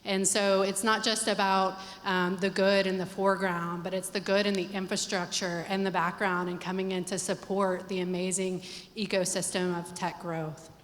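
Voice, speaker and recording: A woman's voice: medium pitch, flat delivery, normal speed. A woman speaking as a founder on a conference panel, explaining her points confidently. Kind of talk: panel discussion. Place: conference stage. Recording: reverberant conference hall.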